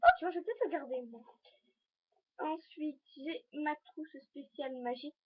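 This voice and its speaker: A woman's voice: sits high, moderate pace. Chatty teenage girl on a dull lo-fi recording. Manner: chatty and rambling, full of hesitations; talks to the viewers while showing items. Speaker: vlogger. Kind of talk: casual fashion haul vlog. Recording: dull lo-fi home video recording.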